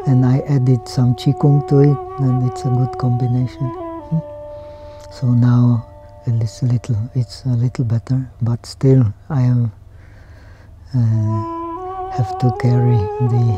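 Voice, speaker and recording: An older man from the Czech Republic with a Czech accent, a Buddhist monk speaking calmly in a reflective interview and ending his thoughts with a questioning "huh?" or "hmm?". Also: medium pitch. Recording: slightly dull sound with flute music behind.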